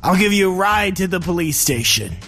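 A man voicing a pushy, dramatic male police officer whose voice lurches from a low growl to high shouts. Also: very animated, brisk, exaggerated voice. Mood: stern.

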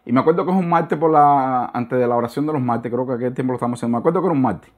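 Quick guy in his 30s rattling off a story, repeats himself a lot, drops english words in. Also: medium pitch. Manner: animated storytelling with many restarts and repetitions. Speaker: interview guest. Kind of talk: casual testimony interview.

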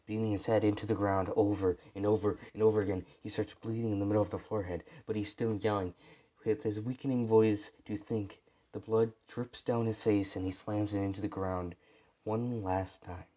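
A man reads a dark story aloud in a low, mellow voice. His tone is husky, and he makes small slips and restarts as he goes. The recording sounds dull and lo-fi. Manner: plain, unhurried reading with small slips and restarts.

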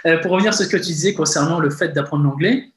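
Young French man, podcast host, eager and casual, a bit high-pitched, echoey room. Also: quick pace. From France. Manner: enthusiastic, swears casually, keeps saying "tu vois".

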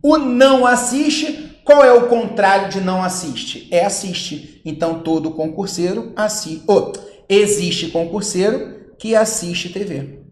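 High-voiced Brazilian man teaching logic. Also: unhurried, reverberant. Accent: Brazilian Portuguese. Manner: lively, acts out student questions in quotes. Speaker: teacher for public exam candidates. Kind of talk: logic lesson with on-screen board.

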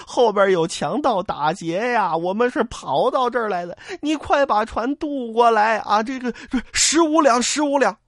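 A man's voice: very high voice, normal speed, few pauses, dry recording, clean studio sound, voice pushed up. A male storyteller voicing a frightened man begging a boatman to carry him off. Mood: pleading. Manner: pleading, panicky.

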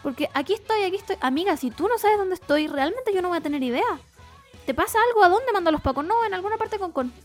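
A woman's voice: very high voice, animated, fast, faint music behind. A young woman with a Chilean accent co-hosting a podcast, chatting casually in slangy, rambling talk with frequent laughter. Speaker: podcast co-host. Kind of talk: casual chat.

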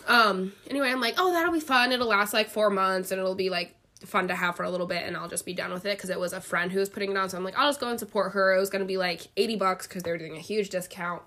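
A woman co-hosts a podcast from her bedroom, sitting on a bed, telling stories in a casual, chatty way. Her medium-pitched voice is fast, pushed, and bright, and slightly stuffed up from a head cold. She leans heavily on filler words and animatedly quotes what people said.

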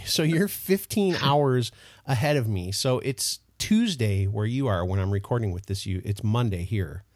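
Playful man, lively voice. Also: fairly low pitch, measured pace, dry recording, clean studio sound. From American Midwest. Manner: playful, chatty, laughs often. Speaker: podcast co-host. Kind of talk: casual chat.

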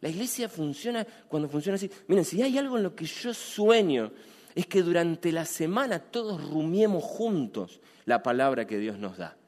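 Animated high-voiced Rioplatense pastor preaching. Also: male voice, normal speed, in a large hall. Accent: Rioplatense Spanish. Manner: animated, acts out quoted dialogue, repeats phrases. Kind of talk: sermon.

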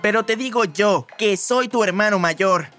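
An actor voices an insistent older brother passing on orders to his sister. The voice is mid-pitched and plain. Faint music plays underneath. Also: moderate pace, a bit bright, close to an everyday voice. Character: older brother, young, bossy.

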